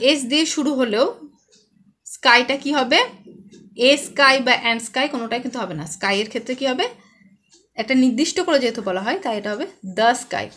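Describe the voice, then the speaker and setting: A woman teacher with a high voice and a West Bengal Bengali accent walks young pupils through an English lesson. She talks patiently, poses a question, then gives the answer herself. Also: a bit bright. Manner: patient, asks and answers her own questions. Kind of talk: explaining a children's English lesson.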